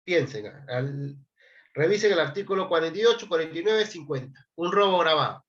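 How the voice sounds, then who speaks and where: A man's voice: on the high side, animated, a little fast, lo-fi sound. A man giving a law class, reading statute articles aloud and prompting his students to answer. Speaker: law lecturer. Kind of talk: classroom lecture.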